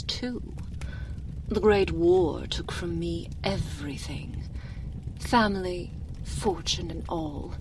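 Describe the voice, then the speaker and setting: A woman's voice: on the low side, a little hiss or hum, rough recording. A woman playing an imperious, seductive aristocratic vampire lady with wounded pride, in a languid, theatrical ASMR roleplay, close to the microphone and drifting into near-whispers. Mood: wistful, bitter. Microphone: close binaural microphone.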